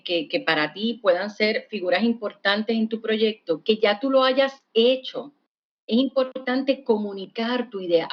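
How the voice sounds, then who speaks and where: A woman's voice: fairly high pitch, dull audio. A woman psychologist, a guest on a podcast, explaining patiently and often checking in with a "right?". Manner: warm explanatory, asks "¿verdad?" often. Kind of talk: podcast interview.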